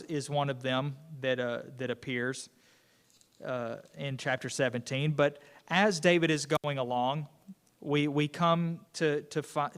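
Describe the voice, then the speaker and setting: Teaching a Bible lesson off the cuff, a man with a smooth, fairly bright, highish voice keeps things conversational. His sentences frequently start over, and fillers crop up often.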